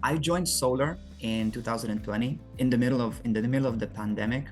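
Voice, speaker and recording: A man's voice: medium pitch, fast talker, darkish tone, soft background music. A man from Romania, answering interview questions in an earnest, explanatory way with frequent restarts. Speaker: guest, solar company founder.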